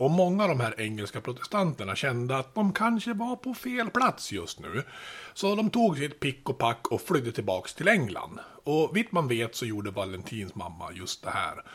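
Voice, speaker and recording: A man hosting a podcast, telling history in a relaxed, chatty way with casual asides. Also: mid-range voice, slightly rough. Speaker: podcast host.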